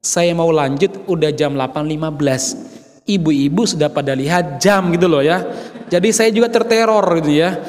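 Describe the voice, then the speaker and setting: A man's voice: on the high side, normal speed, a little mellow, in a large hall. A man preaching a sermon, joking with the audience and acting out little quotes.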